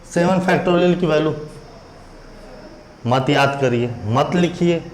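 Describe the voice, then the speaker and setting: Slow, echoey male maths teacher. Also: fairly high pitch. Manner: quizzes students with repeated questions; scolding, teasing tone. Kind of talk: classroom maths lesson. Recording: echoey room, faint background noise.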